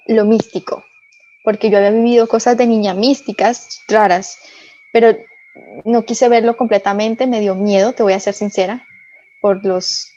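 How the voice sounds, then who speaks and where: Earnest Colombian woman, dull lo-fi sound. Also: mid-range voice. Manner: earnest, storytelling with soft asides. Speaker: podcast guest. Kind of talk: personal faith testimony.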